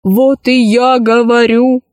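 A woman reading a children's story aloud, voicing a stubborn, literal-minded ship's service robot in a slow, measured way. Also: a little high, steady tone, no room sound, clean studio sound. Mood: mournful.

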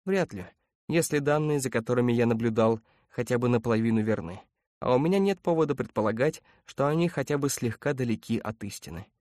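A man doing a calm, precise android. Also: mid-range voice, dry recording, clean studio sound, lightly acted. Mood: clinical calm. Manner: measured, exact, clinical.

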